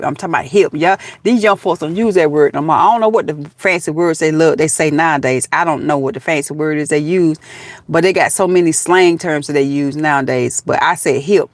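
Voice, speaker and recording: Her lowish voice comes through with no echo: a Georgia woman in her fifties with a Southern accent, casually talking to live stream viewers, often laughing and addressing them as baby and honey.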